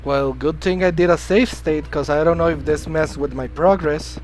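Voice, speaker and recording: With a bit of hiss or hum on a rough recording, a man talks at normal speed in a higher voice with fairly even intonation. A Spanish-first-language streamer, he rambles chattily during a game, greets viewers and answers chat, and coughs now and then from being sick.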